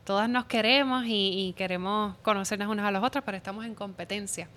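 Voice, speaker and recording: A woman's voice: mid-range voice, fairly even intonation, fast, fairly bright tone. A woman with a Puerto Rican accent hosting a conversational panel interview. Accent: Puerto Rican Spanish. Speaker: interviewer and pageant titleholder. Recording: audible background noise.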